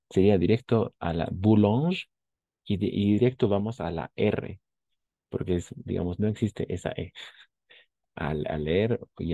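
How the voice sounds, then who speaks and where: A man's voice: deep voice, dark tone, no echo. A man teaching French in an online class, patiently explaining and modeling pronunciation.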